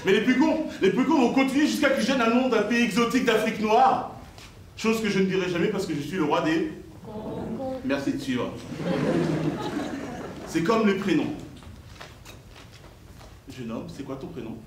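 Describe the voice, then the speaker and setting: Man, stand-up comedian, slightly high voice, heard from afar, roomy hall, noisy live recording. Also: normal speed, pauses often, recorded from a distance. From Normandy, France. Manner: animated, jumps up for quoted voices and drops low for asides. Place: stage in an echoey hall.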